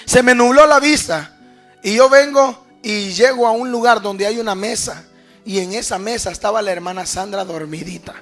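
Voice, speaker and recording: Man preaching, pretty high voice, goes from quiet to yelling, keeps saying brother. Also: moderate pace, faint music behind. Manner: swings from hushed murmurs to fervent shouting; calls listeners "hermano" often. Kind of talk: sermon with personal testimony.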